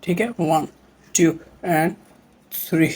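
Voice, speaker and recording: A man with a Pakistani accent and a husky, high voice, presenting magic in a showy kids' party magician manner. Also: extremely slow, a little mellow. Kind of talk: magic show patter to viewers.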